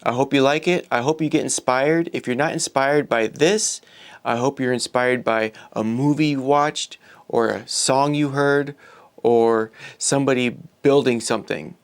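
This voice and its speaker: A man in his forties, a video creator, talks casually to viewers and shares reflective personal thoughts. His mid-range voice is smooth and his pace measured.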